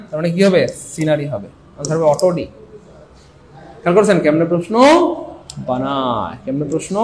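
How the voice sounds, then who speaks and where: A man's voice: sits high, a little hiss or hum. A man with a Bangladeshi accent teaching an online exam-prep English class, repeating points and coaxing students to comment.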